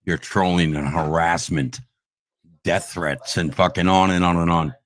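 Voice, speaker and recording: A man with a fairly low voice rants at trolls on a livestream. He is profane and aggressive, and swings from shouting to low, slow growls. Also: fairly even intonation. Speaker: streamer ranting at online trolls. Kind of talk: heated livestream rant.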